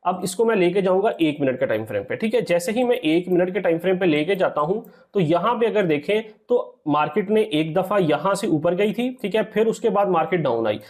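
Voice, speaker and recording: A man's voice: high voice, expressive, fairly quick, few pauses, darkish tone. A man, explaining a trading strategy over a screen recording, often checking in with "theek hai" and calling viewers "sir". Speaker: trading teacher.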